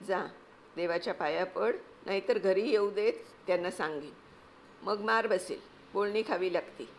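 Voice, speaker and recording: A woman's voice: medium pitch, slight background noise, lightly acted. A woman reading aloud, voicing a stern but loving village mother who scolds firmly. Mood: scolding. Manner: firm, scolding, measured.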